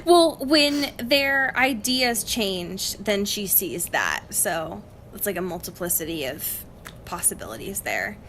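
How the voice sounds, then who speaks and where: Speaking slowly in an expressive, medium-pitched voice with a bit of brightness, a young woman co-hosts a chatty podcast about books. She comes across wry and giggly, laughing frequently, with informal slang, against faint background noise.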